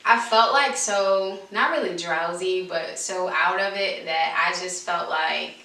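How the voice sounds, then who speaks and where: A woman's voice: fairly low pitch, a little slow, bright, forceful tone. A woman vlogger telling a story casually to camera, informal and emphatic, repeating herself for emphasis, in a roomy, distant recording. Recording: roomy echo, distant microphone.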